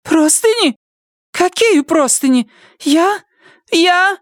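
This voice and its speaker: A woman acting out a terrified, timid woman in an audiobook, her voice climbing into a thin, trembling squeal. The voice is pitched far above the reader's own and swings wildly. The recording is close and dry. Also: expressive, slow, dry recording, full character voice. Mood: frightened.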